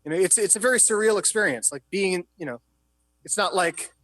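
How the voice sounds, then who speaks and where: A high-voiced, fast-talking man in his thirties tells stories from film sets as a guest in his New York City apartment. It's a casual interview, and this film industry worker fills his speech with fillers and swears now and then. His tone is fairly bright, and the recording is dry.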